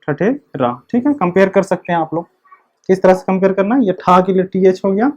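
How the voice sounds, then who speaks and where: A man giving an online video lecture, explaining slowly and step by step while he writes. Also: sits high, expressive, darkish tone, muffled recording. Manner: slow, step-by-step explaining, repeating the same check word. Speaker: teacher of a script.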